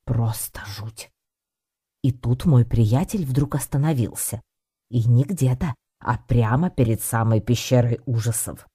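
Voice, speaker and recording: A man narrating an audiobook with lively first-person storytelling in the voice of a cat. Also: medium pitch, measured pace, slightly rough. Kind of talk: scripted narration.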